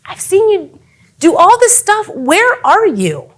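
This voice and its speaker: A woman's voice: wildly swooping pitch, takes it slowly, full character voice. A woman voicing a sick, desperate man who pleads with an absent friend. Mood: pleading. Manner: pleading, high and strained.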